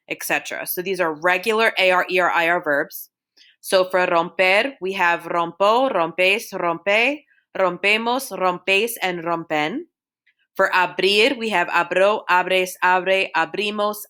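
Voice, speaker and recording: A woman with a lowish, bright, forceful voice walks through a recorded slideshow lesson. She drills verb forms one at a time in a steady, methodical way, pausing to tell students to copy things down. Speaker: Spanish teacher.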